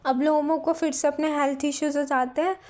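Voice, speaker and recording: A woman's voice: high voice, fairly even intonation, fairly quick, darkish tone. A woman summarizing a play for literature students, explaining terms as she goes. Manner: explains terms between acted lines. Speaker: literature teacher.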